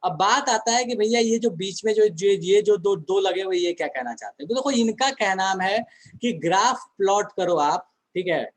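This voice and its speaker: A man's voice: sits high, lively intonation, moderate pace, low-quality recording. A man teaching a chemistry class online in a conversational way, often asking the students questions and answering them himself.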